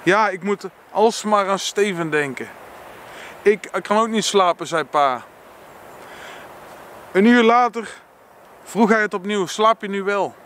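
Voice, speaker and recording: A man with a Dutch accent reads a book passage aloud and reflects on it, slow and earnest, stumbling now and then and correcting himself. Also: sits high, a bit bright, a little hiss or hum.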